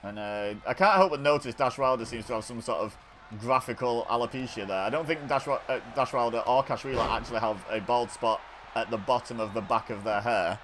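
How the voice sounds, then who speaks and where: Over game footage, a gaming video host delivers quick, chatty play-by-play in an ordinary mid-range male voice. He gets excitable at big moments and corrects himself as he goes, with slight hiss or hum present.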